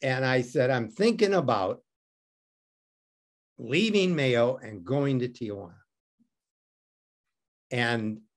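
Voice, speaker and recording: A man from Detroit telling a personal story as an interview guest, wry and self-mocking, acting out the other people in it. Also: medium pitch. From Detroit, United States. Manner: animated, wry and self-mocking, acts out voices in his story.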